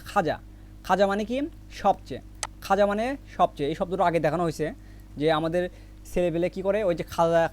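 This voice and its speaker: A man's voice: high voice, slight background noise. A man teaching vocabulary, asking what each word means and answering it himself over and over. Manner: repetitive question-and-answer drilling. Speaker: Korean language teacher. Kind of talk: recorded vocabulary lesson with memory tricks.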